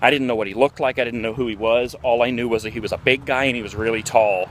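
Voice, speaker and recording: A man in his forties rambles through candid stories as he walks outside, filling pauses with "uh" and "like." He is recorded on a handheld camera in the open air, with faint traffic and outdoor sounds behind him. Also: medium pitch, fairly even intonation. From Ohio, USA. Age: 40s. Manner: candid, rambling, with many fillers. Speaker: vlogger. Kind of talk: casual storytelling vlog. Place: outdoors, walking through a neighborhood near a park.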